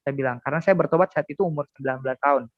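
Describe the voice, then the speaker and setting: A young man giving an emotional personal testimony as an interview guest, often halting and repeating words as he tells it. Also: mid-range voice, no echo, phone-quality sound. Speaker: guest sharing a conversion testimony.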